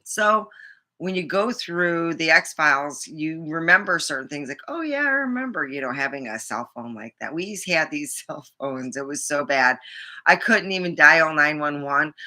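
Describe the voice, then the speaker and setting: Rambling middle-aged American woman, bright forceful voice. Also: low-pitched, moderate pace. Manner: rambling, blunt, profane. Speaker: vlogger. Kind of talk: casual chat to camera.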